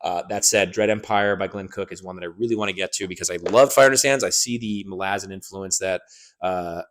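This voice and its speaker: A man's voice: low voice, a little fast, a bit bright. A young man casually talking through his reading plans on his own channel, rambling and correcting himself with plenty of enthusiasm. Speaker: book YouTuber.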